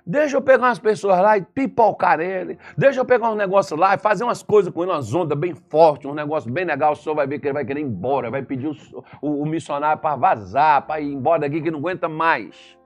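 A man's voice: a little high, faint music behind, natural voice. A man voicing a sly, scheming male devil in a preached story, taunting and boastful. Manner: mocking, boastful, fast-talking.

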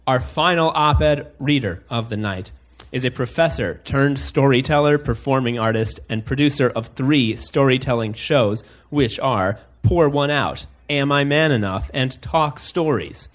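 A male host brings on the next speaker at a live show. He is upbeat and casual, with a middle pitch for a man. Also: a little slow, hardly any pauses.

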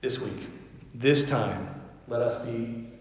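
A man preaching a sermon as pastor, gentle and reflective, often dropping to a soft, quiet voice. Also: mid-range voice, slow pace. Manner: gentle, reflective, drops to quiet near-whispers. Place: large church sanctuary. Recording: echoey hall, voice from far off.

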